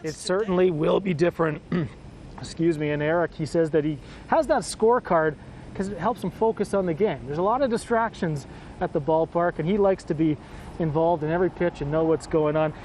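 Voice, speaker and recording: A man's voice: a little high, fairly quick, a little mellow, slight background noise, low-quality recording. Canadian man anchoring a morning show. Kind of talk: casual studio chat.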